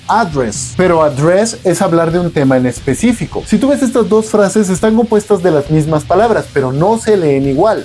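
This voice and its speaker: Joking Mexican Spanish-speaking teacher. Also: male voice, sits high, darkish tone. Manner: casual, joking, colloquial teaching tone. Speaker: English teacher. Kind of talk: explanatory lesson with slang.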